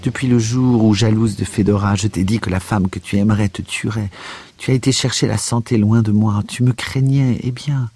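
A man's voice: medium pitch, monotone, moderate pace, hardly any pauses, dark tone, husky, voice pushed up, lightly acted. A man reading the lines of a devoted young woman in a storybook reading, in an impassioned, pleading way.

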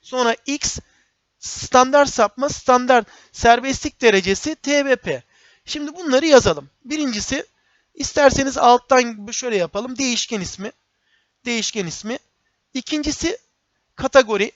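A man teaching a software tutorial step by step, often repeating phrases and speaking to viewers as friends. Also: very high-pitched, normal speed, no echo. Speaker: instructor. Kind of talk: screen-recorded software tutorial. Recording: dull, dry lo-fi recording.

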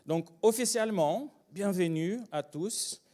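Slow Brazilian man giving a talk. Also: high-pitched, a little mellow. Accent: Brazilian Portuguese. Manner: hesitant, many fillers and restarts, joking. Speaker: agile trainer and consultant. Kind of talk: conference talk. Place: conference room with live audience.

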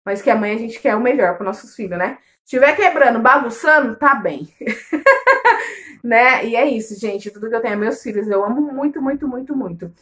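A woman's voice: on the high side, brisk, a bit bright. A pregnant young woman vlogging in a casual, affectionate, chatty way, often calling her viewers loves. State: late pregnancy. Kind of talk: casual chat.

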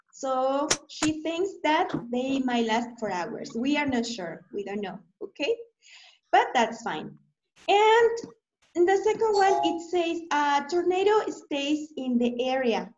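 A woman teacher with a Mexican accent and a high voice leads an online reading lesson at an unhurried pace. She keeps her phrasing simple and checks in with questions. The sound is dull and echoes around the room. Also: darkish tone. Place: indoor room, on a video call. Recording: muffled, echoey online class audio.

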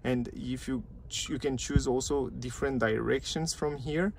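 This is a casual walkthrough by a male car reviewer exploring a parked car's dashboard and touchscreen menus. His mid-range voice is creaky and moves at normal speed, and he's chatty, repetitive, and grammatically non-native, with a little hiss or hum in the recording.

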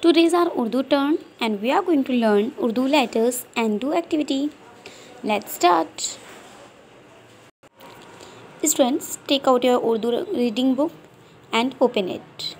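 A woman teaching a nursery class online, slowly drilling letters one by one for small children and mixing English with Hindi-Urdu. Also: sits high, darkish tone, slight background noise.

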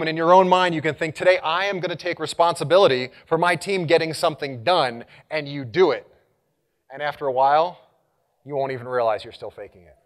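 Man giving an animated conference talk. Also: a little high. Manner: energetic, engaging, leads audience exercises; animated, gets louder when rallying the room. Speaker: conference speaker.

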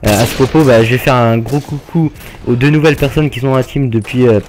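A man's voice: medium pitch, a little mellow. Easygoing man talking over noisy gunfire. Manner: hesitant, many filler pauses; laid-back, jokey. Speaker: gaming channel host. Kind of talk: casual gameplay commentary. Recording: game gunfire noise underneath. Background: video game gunfire.

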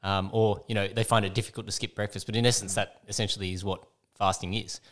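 Low-voiced podcast host. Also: male voice, level tone, quick pace, fairly bright tone. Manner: chatty, laughs often, backchannels a lot. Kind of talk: casual podcast conversation.

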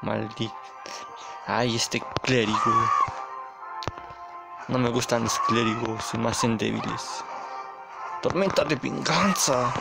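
A man's voice: mid-range voice, slow pace, gravelly, pauses often. A man giving playful, boastful gameplay commentary and reading game dialogue aloud. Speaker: gamer. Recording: game music under the voice. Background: game music.

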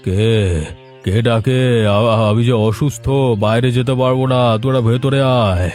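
A man voicing a gravely ill village gentleman in a cartoon, speaking in a weak, slow, plaintive way. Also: medium pitch, faint music behind, natural voice. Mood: weak, mournful. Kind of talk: Bengali cartoon voice acting.

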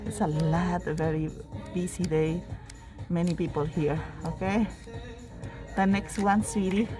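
A woman's voice: on the low side, steady tone, a little slow, over music. A woman vlogging while shopping in a craft store, chatty and full of delighted exclamations, speaking into a handheld phone. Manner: chatty, non-native English, frequent delighted exclamations. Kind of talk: casual shopping vlog. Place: large craft store aisle, indoors. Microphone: handheld phone camera.

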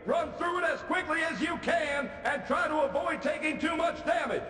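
Barking drill instructor, high strained pitch. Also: male voice, normal speed, bright, forceful tone. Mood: barking, contemptuous. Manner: barking, insulting, commanding. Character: gruff, abusive male Marine drill instructor. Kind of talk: video game voice acting. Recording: echoey hall, some distance away.

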